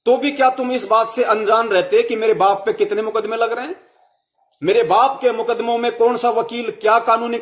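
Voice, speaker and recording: Scolding young man preaching, high voice. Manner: scolding, rhetorical questions. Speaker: devotee preaching to fellow followers. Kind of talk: heated devotional sermon.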